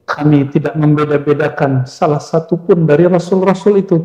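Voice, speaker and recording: A man's voice: fairly high pitch, normal speed, dark tone. A male Islamic preacher giving a sermon, asking his audience questions and answering them himself, sometimes chanting verses. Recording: echoey dull-sounding hall.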